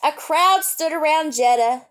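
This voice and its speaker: She has a high, animated voice with a fairly bright tone and keeps a measured pace. A teacher leading storytime, she reads a picture book aloud to small children and adds friendly asides, plain explanations and questions.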